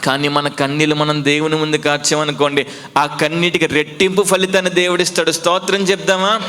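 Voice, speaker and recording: A male pastor preaches with a high, bright voice. He drives the sermon with emphatic repetition, rhetorical questions and call-and-response. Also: level tone, a little fast, slight background noise.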